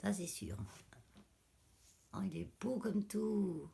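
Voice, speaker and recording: A woman chatting casually as she unboxes craft mail. She is losing her voice, exclaims softly and often drops to a whisper. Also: mid-range voice, takes it slowly, gravelly, slight background noise. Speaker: crafting vlogger.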